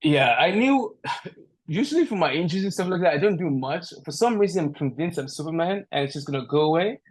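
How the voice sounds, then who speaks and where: A Nigerian man's slightly high voice comes across animated and fairly quick as he jokes about himself. He's a powerlifter being interviewed for a podcast over a video call, sitting indoors at home a short distance from his device.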